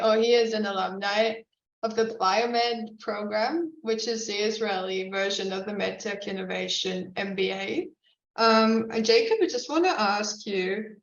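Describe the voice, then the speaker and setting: A woman hosting and moderating a panel on a video call, brisk with friendly prompts. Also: mid-range voice. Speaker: event host. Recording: distant, echoey, muffled, with faint noise.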